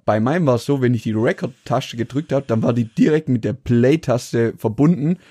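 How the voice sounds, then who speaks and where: A man's voice: medium pitch, normal speed, warm tone, slightly rough, no room sound. A man, co-hosting a casual chat and telling rambling stories with frequent laughs. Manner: rambling anecdotal storyteller, laughs often. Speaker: podcast co-host.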